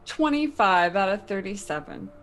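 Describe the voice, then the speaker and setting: A woman's voice: medium pitch, sing-song, normal speed, fairly bright tone. A woman chatting casually as a player in a tabletop role-playing game, with music behind her. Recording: music under the voice.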